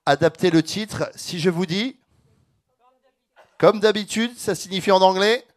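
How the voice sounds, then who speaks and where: A man's voice: high-pitched, unhurried. A man hosting a live radio show from the studio, upbeat as he presents and reads out listener messages. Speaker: radio host.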